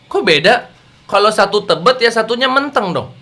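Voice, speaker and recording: A man teaching a youth religious class over a video call, playful and animated, quizzing his listeners as he talks. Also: high voice, normal speed. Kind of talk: lively lecture to teens.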